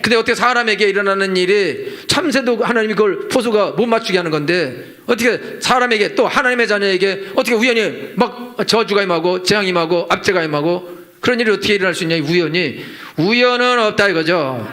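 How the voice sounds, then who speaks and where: A man's voice: sits high, fairly quick, pushed and bright. A middle-aged man preaching a Sunday sermon as senior pastor in a church, emphatic and rhetorical, repeating his points and acting out the complaints of his listeners. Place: church sanctuary.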